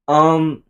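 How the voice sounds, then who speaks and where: His voice on the high side and clean in tone, a man about to turn twenty hosts a casual one-man podcast. He grew up speaking Tagalog, and he rambles loosely, swearing often and laughing at his own gags.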